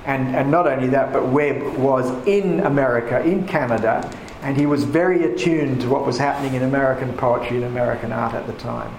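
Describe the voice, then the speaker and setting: A man leads a poetry class with enthusiasm, restarting his sentences again and again. His voice carries through an echoey room. Steady background noise hangs under it. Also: mid-range voice, a little fast, few pauses. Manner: enthusiastic, rambling with many restarts. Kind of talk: leading a class discussion. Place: room with paintings, a group seated.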